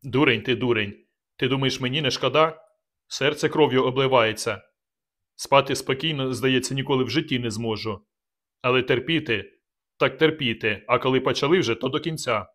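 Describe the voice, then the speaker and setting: Guy doing a harsh bitter rebel leader, rough barking talk, audiobook. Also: medium pitch, moderate pace, fairly bright tone, close to an everyday voice. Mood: bitter earnest. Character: fierce embittered male peasant rebel leader.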